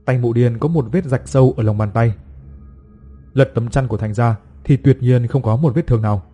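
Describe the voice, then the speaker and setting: A man reading a folk horror story aloud in a measured, dramatic storytelling manner. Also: mid-range voice, mellow. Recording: faint music underneath.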